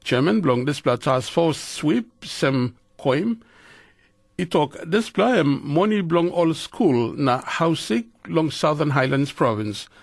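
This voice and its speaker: A male radio presenter delivers news in Papua New Guinea pidgin, with a Papua New Guinean accent. His voice sits slightly high and is recorded dry. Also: lively intonation, takes it slowly, creaky, no echo.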